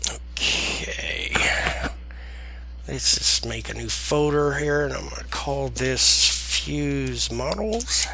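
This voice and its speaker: A man with a deep Southern American accent talks slowly through a casual software tutorial. His voice is bright and creaky, with slightly slurred S sounds. He speaks haltingly and rambles, over faint noise. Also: animated. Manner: halting, rambling delivery with trailing sentences. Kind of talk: casual unscripted screen tutorial.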